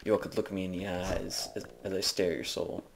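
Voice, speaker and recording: Let's player, male, very low voice, loose jokey gameplay chatter into a desk mic. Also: little pitch movement, brisk, vocal fry, slight background noise. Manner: rambling, jokey self-narration. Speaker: video game let's player. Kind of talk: casual gameplay commentary. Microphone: desk microphone.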